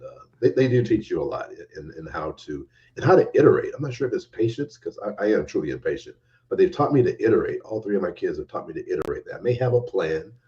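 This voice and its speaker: A man's voice: low-pitched, warm tone, far from the mic, dull audio. A man talking as a guest on a podcast, giving earnest, emphatic advice and repeating key phrases. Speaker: guest developer advocate. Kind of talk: casual podcast conversation.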